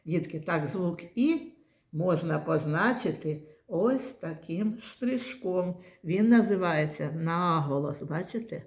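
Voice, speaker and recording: Slow patient teacher woman. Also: fairly low pitch, expressive, reverberant. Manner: slow, patient, coaxing, addressing children as "дітки". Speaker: primary school teacher. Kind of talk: classroom lesson for young children. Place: classroom.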